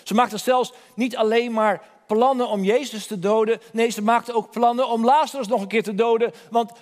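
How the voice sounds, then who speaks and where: A male preacher with a high voice tells a Bible story in a church hall, and his voice rings out in a long reverb. He speaks with urgency and calls the listeners to come forward. He often repeats words as he searches for the next phrase. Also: steady tone, moderate pace. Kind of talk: sermon.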